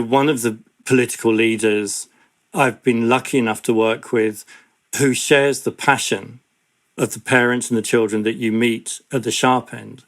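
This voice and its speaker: A man, an education advocate, speaking in an earnest, measured way in an interview. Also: medium pitch. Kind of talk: reflective interview talk.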